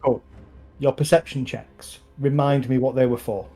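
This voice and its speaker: A man running a tabletop role-playing game on stream. He narrates scenes and talks rules in a relaxed way, with pauses and fillers. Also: mid-range voice, soft background music, low-quality recording. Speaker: game master.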